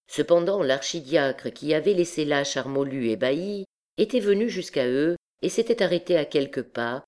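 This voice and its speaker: A woman narrating a classic novel audiobook in a steady, measured reading. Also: low voice.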